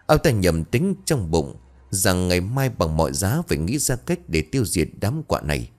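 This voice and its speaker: A man's voice: sits low, very animated, moderate pace, a little mellow. A man narrating a scripted horror story as a storyteller, lifting his voice when the frightened figures cry out.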